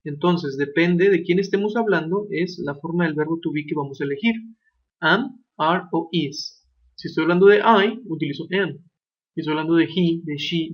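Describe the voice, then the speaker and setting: A man explaining English grammar slowly and deliberately, asking his students questions as he goes. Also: on the high side. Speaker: English teacher. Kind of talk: grammar lesson narration. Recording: dull lo-fi recording.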